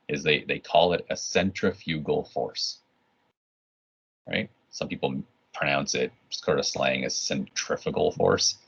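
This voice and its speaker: Extremely low-pitched yet fairly bright, this man's voice has a breathy edge. He's from Canada and gives a loose, meandering online physics lesson full of restarts and "right?" checks, captured on a dull lo-fi recording.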